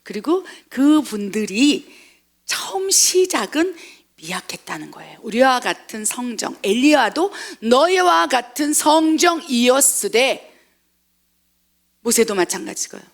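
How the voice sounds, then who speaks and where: High gravelly woman preaching a sermon. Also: a little slow. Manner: animated, acts out quoted voices; asks the congregation rhetorical questions. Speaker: missionary pastor.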